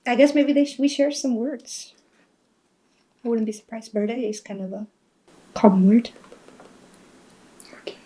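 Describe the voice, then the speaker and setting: Mellow-voiced woman, laughing guest. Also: a little high, measured pace, pauses often, low-quality recording. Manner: laughs often, casual. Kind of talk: casual chat.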